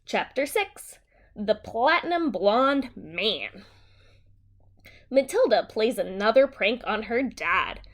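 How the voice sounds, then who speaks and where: For young children, a woman teacher with an animated voice on the high side reads a simplified story and explains it slowly and simply.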